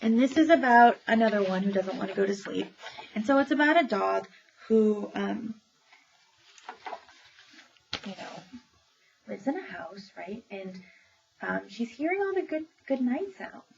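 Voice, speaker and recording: A woman's voice: mid-range voice, animated, measured pace, creaky, long pauses. A woman public librarian casually reviewing children's books, chatty and informal with many fillers and frequent laughs. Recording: dull lo-fi recording with faint noise.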